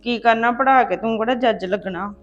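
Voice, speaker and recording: A sharp-tongued, sarcastic housewife scolds her sister-in-law, played by an actress. Her voice sits a little high, and the recording is dull with faint music underneath. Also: a little fast, natural voice. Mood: scolding. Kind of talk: comic family drama.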